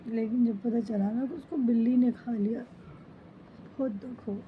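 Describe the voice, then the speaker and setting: A woman's voice: fairly high pitch, fairly even intonation, normal speed, narrow, tinny audio, a little hiss or hum. A middle-aged woman, a mother grieving for a lost pet, talking in short, broken phrases. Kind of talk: emotional personal account to camera.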